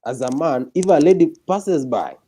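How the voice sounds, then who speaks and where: A man's voice: on the high side, lively intonation, moderate pace, mellow, slightly rough. A man with a Kenyan accent chatting casually and telling stories, switching between Swahili and English. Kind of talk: casual chat, storytelling.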